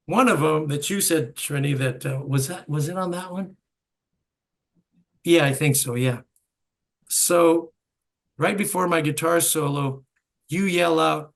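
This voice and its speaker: Older man with a gravelly voice. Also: on the high side, unhurried, pauses often, a bit bright. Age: 70s. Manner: storytelling, chuckling asides. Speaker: host and bandleader. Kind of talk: reminiscing interview chat.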